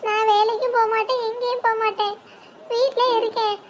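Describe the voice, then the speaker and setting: A remorseful young wife in an animated family drama, voiced by a woman. Her voice sits very high and thin. She pleads and apologizes in long earnest appeals. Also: fairly quick, slight background noise. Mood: pleading.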